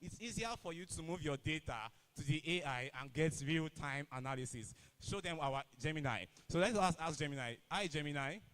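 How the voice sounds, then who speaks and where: A man's voice: on the high side, brisk, hardly any pauses, a bit bright. A young Nigerian man with a Nigerian accent giving a casual live demo of an app, often saying "you know". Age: young adult. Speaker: student presenter. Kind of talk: live product demo presentation.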